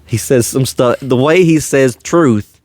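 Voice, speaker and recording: Speaking a little slowly, this faith-based podcast host keeps the chat casual yet earnest and slightly preachy, with frequent chuckles. His medium-pitched voice has a darkish tone, and the recording is dry.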